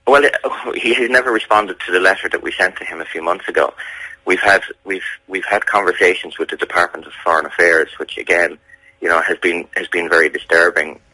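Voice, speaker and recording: An Irish man being interviewed on the radio, speaking insistently in a halting way with repeated words. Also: low-pitched, fairly even intonation, bright, forceful tone, breathy edge, no room sound, low-quality recording. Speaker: campaigner interviewed about a family member's case.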